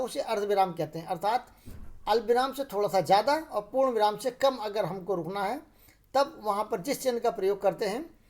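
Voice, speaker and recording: A male teacher from Madhya Pradesh walks through a grammar lesson at a steady classroom pace. He speaks slowly and deliberately, pausing and rephrasing each definition so it sinks in. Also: high voice. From Madhya Pradesh, India. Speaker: school teacher.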